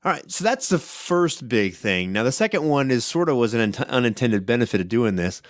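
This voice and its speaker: A man co-hosting a podcast about running tabletop games, talking loud and fast in casual chat and tagging many sentences with "right?". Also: medium pitch, animated, dry recording, clean studio sound. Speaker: podcast co-host and game master.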